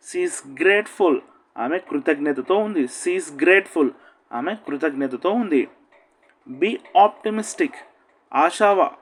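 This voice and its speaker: A man teaching spoken English, saying each phrase slowly and with stress, then giving its meaning in a lower, quicker voice. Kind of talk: slow, deliberate English-Telugu phrase drills.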